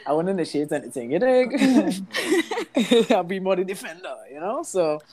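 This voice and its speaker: A young woman from Trinidad with a Trinidadian accent, co-hosting a casual podcast chat, laughing often and chiming in with quick agreement. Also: medium pitch, very animated, darkish tone. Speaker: podcast co-host.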